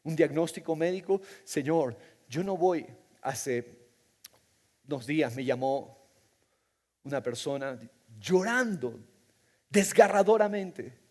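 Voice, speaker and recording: A male pastor preaching in a church, his voice pitched high for a man. He rises to ringing proclamations and then drops to near-hushed pleas. A long hall reverb trails every phrase. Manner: preaching with wide swings from loud proclamation to hushed softness. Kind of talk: sermon. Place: church sanctuary.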